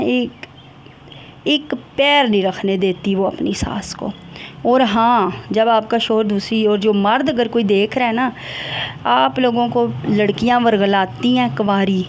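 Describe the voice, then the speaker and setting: A woman's voice: fairly high pitch, slight background noise. A middle-aged woman, talking to her viewers in an emotional, confiding vlog. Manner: emotional, confiding, switches between Urdu and Punjabi. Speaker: vlogger. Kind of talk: personal vlog talk to viewers.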